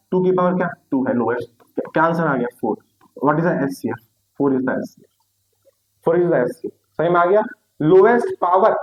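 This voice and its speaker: A man's voice: high-pitched, poor audio. A young adult man teaching a maths lesson online, repeating questions and answers and calling students "beta".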